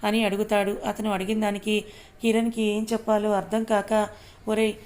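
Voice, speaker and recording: A woman narrating a serialized story aloud, reading the characters' lines as part of her steady narration. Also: medium pitch, a little fast.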